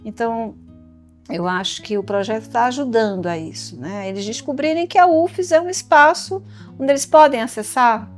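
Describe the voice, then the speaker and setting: A woman with a Brazilian accent, a project professor, speaks encouragingly to students, often ending phrases with tag questions. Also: on the high side. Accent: Brazilian Portuguese. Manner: warm, encouraging, frequent "né?" tags. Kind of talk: documentary interview and address to students. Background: faint guitar music.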